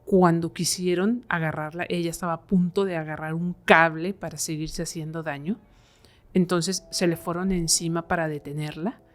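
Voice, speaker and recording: A woman with a notably low voice recounts a chilling tale as a podcast guest. She talks casually, leaning on fillers like "eh" and "este" as she goes. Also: fairly even intonation, moderate pace, faint music behind. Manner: conversational, many fillers like "eh" and "este". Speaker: guest storyteller. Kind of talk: telling a horror story on a podcast.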